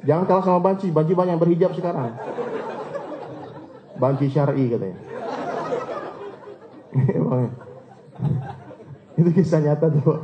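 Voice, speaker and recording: Lively, humorous male preacher in an echoey hall. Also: mid-range voice, slight background noise. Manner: lively, humorous, often addresses listeners as "Pak". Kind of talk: sermon. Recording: echoey hall, dull lo-fi sound.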